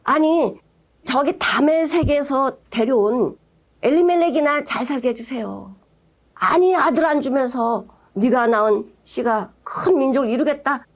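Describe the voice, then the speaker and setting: A woman's voice: high voice, a little slow. A woman voicing Abraham as an anxious old man, complaining and pleading with irritation. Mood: irritated pleading.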